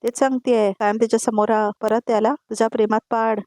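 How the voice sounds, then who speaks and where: A woman voicing a scheming rich woman giving orders and plotting against a rival, in a fast, plain reading. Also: a little high, little pitch movement, a little mellow, no room sound, studio quality, natural voice. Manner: bossy, commanding.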